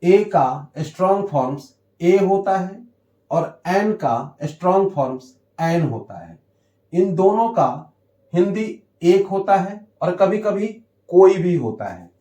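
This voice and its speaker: Male teacher, high voice, unhurried explanations, echoey classroom sound. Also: a little mellow. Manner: slow, deliberate, repeats key terms. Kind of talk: explaining English grammar lesson. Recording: echoey room.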